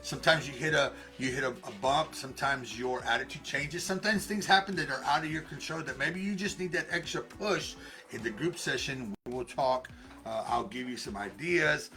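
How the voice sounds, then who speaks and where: Man, casual live-stream co-host, rambling and self-correcting, bright voice. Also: mid-range voice, normal speed, soft background music. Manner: rambling, friendly, self-correcting with many fillers. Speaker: co-host and life coach.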